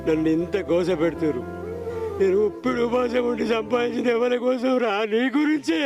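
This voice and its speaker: A man's voice: high-pitched, fairly even intonation, quick pace, muffled recording, natural voice. An actor playing an elderly grieving father who is stubborn and hurt, speaking in emotional short-film acting. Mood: stubborn grief. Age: older. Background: music.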